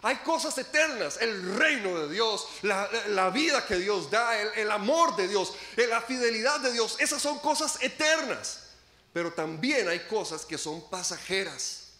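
A male pastor delivers a dramatic sermon, acting out quoted laments and swinging between ringing emphasis and hushed drops. His voice sits high and sounds bright and forceful. The room around him is echoey, like a church hall. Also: animated, unhurried. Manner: dramatic preaching, acts out quoted laments, sweeping pitch and volume swings.

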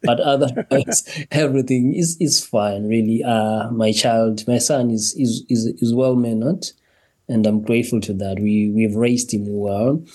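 A man from Zimbabwe, guesting on a podcast, tells his personal story haltingly, repeating words and laughing between phrases. His voice is medium-pitched and mellow with fairly even intonation.

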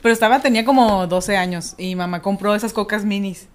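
A woman's voice: mid-range voice, fast. Playful Mexican woman in casual chat. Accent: Mexican Spanish. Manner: playful, acts out quotes in her stories.

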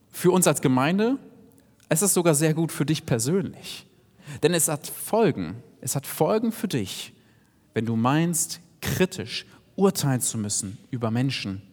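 A man's voice: fairly high pitch, animated, a little slow. Earnest male preacher in a reverberant hall. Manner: earnest, direct, sometimes drops to soft asides. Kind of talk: sermon. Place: church hall.

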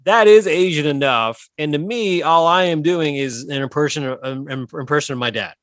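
A man's voice: a little high, normal speed, fairly bright tone, no echo. A man co-hosting a casual podcast, telling stories loosely and swearing freely. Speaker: podcast co-host and improv comedian.

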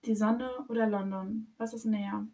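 A woman's voice: medium pitch, little pitch movement, moderate pace, warm tone. A young woman co-hosting a podcast, chatting casually and asking playful, teasing questions. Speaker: podcast co-host. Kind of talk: casual chat.

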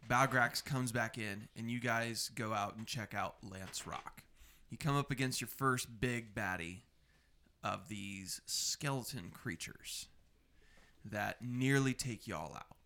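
A man with a middle-pitched, bright and smooth voice hosts a tabletop role-playing game. He talks to the players as game master, walking them through the story. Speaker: game master and show host.

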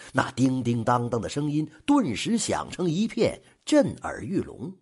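A man narrating a folk tale in an animated storytelling manner, stretching the ends of phrases. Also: mid-range voice, slightly rough. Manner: animated, drawn-out particles.

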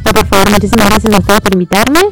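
A woman's voice: medium pitch, fairly even intonation, racing. Giggly woman on radio. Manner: giggly, friendly. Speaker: guest singer. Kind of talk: casual radio chat. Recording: radio studio with music behind.

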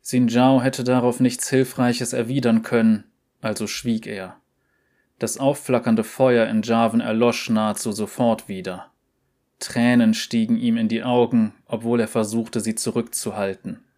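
A man narrating a story in a calm, even audiobook reading. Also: mid-range voice, unhurried.

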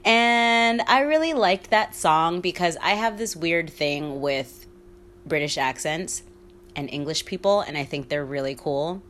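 A woman's voice: on the low side, measured pace, fairly bright tone, slight background noise. A woman in her thirties hosting a solo podcast, talking in a rambling, candid way, swearing freely and laughing often. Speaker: podcast host. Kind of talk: casual solo podcast monologue.

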